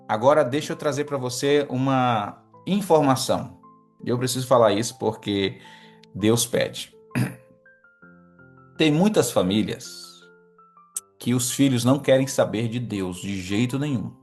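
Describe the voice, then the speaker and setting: A man's voice: mid-range voice, measured pace, long pauses, darkish tone, soft background music. A man, a pastor giving an earnest teaching sermon on a livestream, reading from a book and asking his listeners questions. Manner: earnest, addresses listeners as brothers, asks the audience questions. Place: online livestream with chat.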